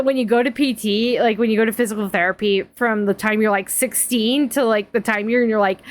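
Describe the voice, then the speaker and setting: A woman's voice: mid-range voice, a little hiss or hum. A woman in her forties streaming a game, chatting casually and rambling, with many fillers and frequent laughs. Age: 40s. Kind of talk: casual chat.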